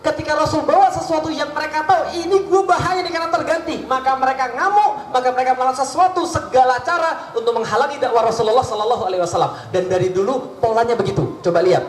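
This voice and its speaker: A male preacher giving a lively sermon to a live audience, asking them questions and acting out dialogues. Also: very high voice, fast, hardly any pauses. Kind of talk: Islamic sermon. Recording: echoey hall.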